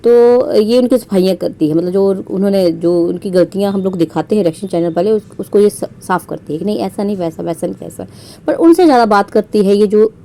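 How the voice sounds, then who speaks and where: A woman's voice: mid-range voice, dark tone. A woman from India hosting her own podcast, giving sarcastic, scolding roast commentary with frequent fillers. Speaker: podcast host.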